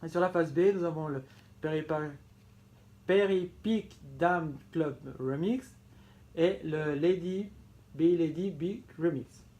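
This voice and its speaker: Slow and a little high-pitched, with a darkish tone and dull audio, a man shows his vinyl records in a casual show-and-tell vlog. He is enthusiastic, often fixing his words mid-sentence.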